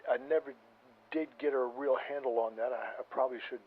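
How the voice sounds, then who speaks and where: A man checking in as an amateur radio operator, polite and halting with repeated restarts, heard over a noisy, narrow ham radio transmission. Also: mid-range voice, fairly even intonation. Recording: hissy, tinny two-way radio signal.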